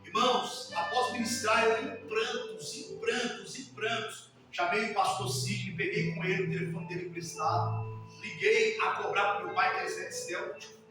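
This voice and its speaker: A man preaching a sermon as pastor, fervent, repeating phrases and building to shouts. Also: sits high, steady tone, normal speed. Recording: very echoey hall, distant mic, music behind.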